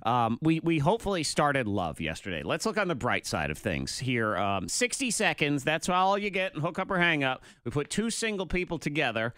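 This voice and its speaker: A man in his thirties hosts morning radio with wry, playful banter. His pitch swings widely. The studio mic sounds close and dry. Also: pushed and bright, smooth, dry recording. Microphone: studio microphone with headphones.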